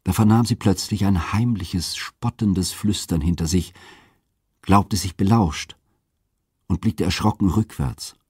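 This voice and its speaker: A man narrating classical myths as an audiobook reader, with a steady, expressive delivery. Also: low-pitched, a little slow, slightly rough, no room sound, clean studio sound.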